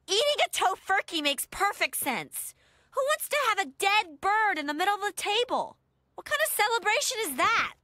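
A woman voicing an earnest, outspoken young teenage girl in a cartoon, quick to get exasperated. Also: very high-pitched, sing-song, bright, forceful tone, no room sound, studio quality, heavily acted. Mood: pleading, indignant. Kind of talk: animated cartoon voice acting.

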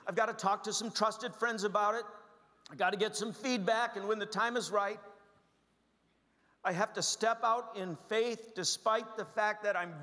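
Man, pastor, high bright voice, earnest exhortation, reverberant hall. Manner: earnest, exhorting, addresses audience as gang. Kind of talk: leadership sermon.

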